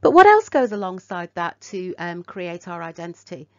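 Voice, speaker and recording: A woman's voice: lowish voice, very animated, normal speed, a little mellow, no room sound. A woman with an English accent, teaching sixth-form English in a recorded induction lecture, asking lots of questions. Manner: poses many rhetorical questions. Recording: dull, dry lo-fi audio.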